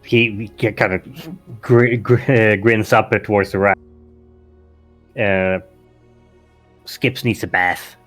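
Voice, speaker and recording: Slow, halting man playing a tabletop game. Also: fairly low pitch, fairly even intonation, fairly bright tone, faint music behind. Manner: halting, with many restarts and fillers. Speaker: tabletop role-play player. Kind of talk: in-character role-play with narration.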